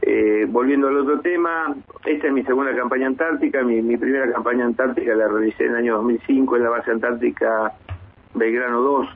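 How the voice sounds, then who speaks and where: A husky-voiced man in his fifties answers questions over a tinny phone line. He talks in a measured, hesitant way and often restarts his sentences. His pitch sits in an ordinary middle range. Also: fairly even intonation. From Argentina. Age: 50s. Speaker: base commander guest. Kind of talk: phone interview on radio.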